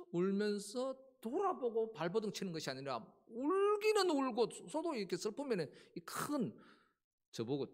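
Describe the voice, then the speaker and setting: A male pastor delivering a Sunday sermon, telling the story with acted voices and animated delivery. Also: on the high side.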